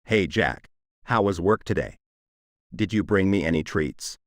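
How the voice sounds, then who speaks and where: A man's voice: low voice, unhurried, no room sound, studio quality. A man voicing a smug, food-loving orange house cat in an AI cartoon parody, with a sly, wry delivery.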